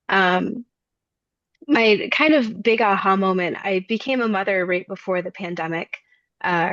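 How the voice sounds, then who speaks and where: A woman in her thirties who grew up in Maine, a design lecturer and workshop facilitator, presents a workshop over a video call, filling it with frequent ums and uhs. Her voice is fairly low in pitch with a fairly bright tone, and the video call audio is dull and dry.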